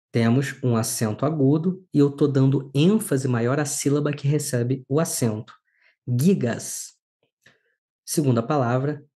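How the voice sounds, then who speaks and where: A man teaching a recorded lesson, explaining slowly and clearly and stressing syllables. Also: mid-range voice, dark tone.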